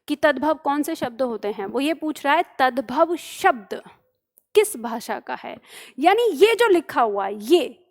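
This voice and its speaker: A woman teaches grammar for competitive exams. Her voice sits high. She explains patiently, builds each point from small examples and keeps checking her students understand. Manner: addresses students as "बालक", asks questions and checks understanding; explains with worked examples, repeating key phrases. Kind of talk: exam-prep grammar lesson.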